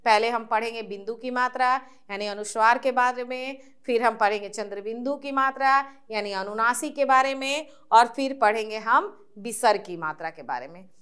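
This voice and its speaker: High, bright teacher stretching out each word. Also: female voice, clear, resonant tone. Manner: drawn-out syllable-by-syllable pronunciation, repeating words; quick explanations between slow repeated words. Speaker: primary school teacher. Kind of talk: reading-aloud lesson for young children.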